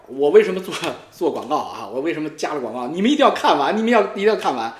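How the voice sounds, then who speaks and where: A middle-aged man, rambling crudely and teasingly in a comic monologue, swearing freely and breaking into loud high outbursts. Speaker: YouTube streamer. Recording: echoey room.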